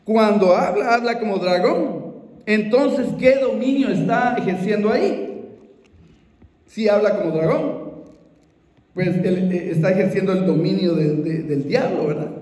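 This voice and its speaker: Slow, high-pitched male preacher in an echoey hall. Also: a little mellow. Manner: unhurried, repeats phrases and calls out to the brothers. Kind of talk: sermon.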